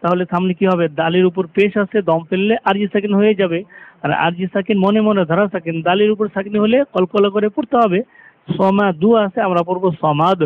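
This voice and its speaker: A high-pitched man teaches Quran recitation, explaining each sound in turn and then chanting the verse slowly and drawn out. The recording is thin and tinny, like it is coming through a phone line. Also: steady tone. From Bangladesh. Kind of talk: step-by-step recitation lesson.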